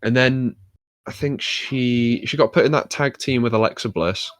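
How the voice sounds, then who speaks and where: A British man co-hosts a podcast, chatting casually in a rambling way full of fillers and restarts. His voice sits in the mid-range, he talks at a moderate pace, and the recording is dry.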